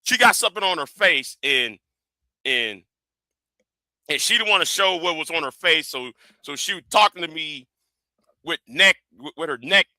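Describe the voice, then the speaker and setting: A man's voice: fairly high pitch, lively intonation, normal speed, long pauses, sharp tone, no room sound, clean studio sound. A man hosting an informal livestream rant, stammering and often repeating the starts of his phrases. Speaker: livestream host.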